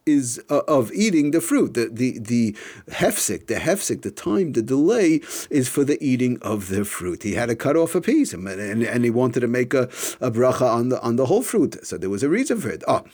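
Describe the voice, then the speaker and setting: Man, religious teacher, informal explanatory lesson, repetitive rephrasing, medium pitch. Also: very animated, moderate pace, a little mellow.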